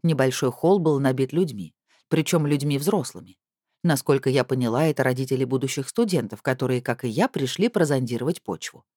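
A woman narrating a first-person story in a lively, wry storytelling manner. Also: rumbling low, a little fast, no echo, studio quality.

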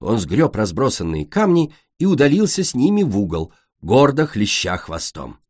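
A man narrating a children's fantasy story in an expressive way. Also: mid-range voice, moderate pace, no room sound. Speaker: audiobook narrator. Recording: dry close recording.

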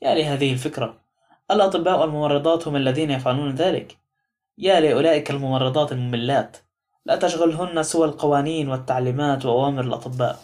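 A man's voice: on the high side, fast talker, darkish tone, close to an everyday voice. A man reading the part of a small, fussy, confident male detective in an audiobook, in a coaxing, theatrical manner. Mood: sly, coaxing.

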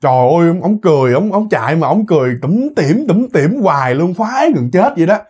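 A man with a Southern Vietnamese accent rattles off a ghost story at a fast clip. His voice is husky and sits a bit high, and he keeps repeating words and turning to his listeners. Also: sing-song, darkish tone. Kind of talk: casual ghost story narration.

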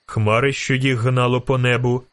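Male audiobook narrator, steady and vivid, mid-range voice, very dry close mic. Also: medium pitch, normal speed, no echo.

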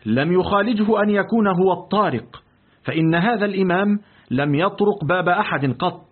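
A man narrating a literary audiobook in a deliberate, expressive reading. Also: high voice, husky. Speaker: audiobook reader. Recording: tinny, lo-fi phone-like audio.

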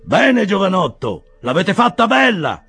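A man's voice: high-pitched, sing-song, measured pace, pitched above the performer's own voice, heavily acted. A man voicing a short, fat sedan-chair bearer who barks at people with scorn. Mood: scornful. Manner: gruff, scornful shouting.

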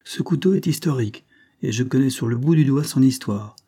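A man reading aloud plays an inquisitive police agent who presses with questions. The tone is mellow and husky, eager and probing. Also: mid-range voice, expressive, fairly quick. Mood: curious. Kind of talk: audiobook reading of a novel.

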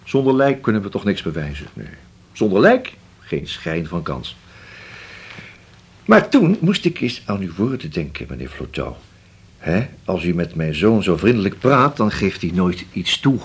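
An actor playing a shrewd police inspector who questions slowly and keeps humming to himself. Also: male voice, deep voice, sing-song, husky, full character voice. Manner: slow, probing, drawn-out with many hums. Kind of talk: radio drama acting.

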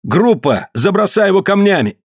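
A man voicing an angry, bullying young leader of a group who shouts accusations in a story reading. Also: mid-range voice, normal speed, no echo, studio quality, voice pushed up, lightly acted. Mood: furious. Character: scornful bullying young gang boss.

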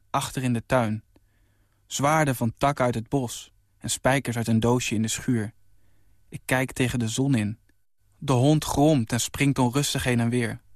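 Young man calmly reading his story. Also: medium pitch, dry recording, clean studio sound. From Netherlands. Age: 20s. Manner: calm, even storytelling, lifting his voice for the quoted lines. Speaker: short story writer.

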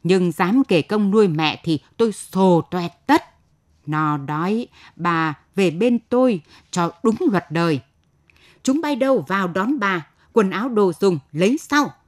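A woman's voice: mid-range voice, lively intonation, measured pace, lightly acted. A proud, stubborn older village man, a teacher, read by a woman narrator speaks bluntly and commandingly. He orders people about with no room for argument.

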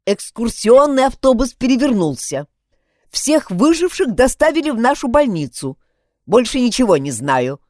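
A woman's voice: high-pitched, big pitch swings, unhurried, darkish tone, no room sound, studio quality. A woman voicing a stern, controlling female hospital nurse who talks in a curt, insistent, raised voice. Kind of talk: audiobook character voice.

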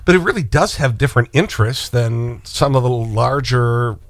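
A man's voice: mid-range voice, moderate pace, no echo. A man hosting a radio show, needling and joking with his guest. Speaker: radio talk show host. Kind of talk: radio interview, banter. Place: radio studio.

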